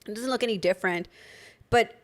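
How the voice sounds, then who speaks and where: A woman's voice: mid-range voice, brisk. A young woman co-hosting a podcast in casual chat, talking with a slight lisp from new dental aligners and lots of filler words. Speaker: podcast co-host.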